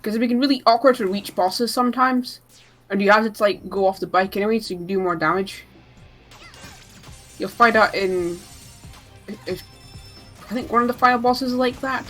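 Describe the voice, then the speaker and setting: A woman's voice: a little high, normal speed, pauses often, fairly bright tone, soft background music, low-quality recording. A woman speedrunner giving casual live commentary on her own run, chatty and full of joking asides.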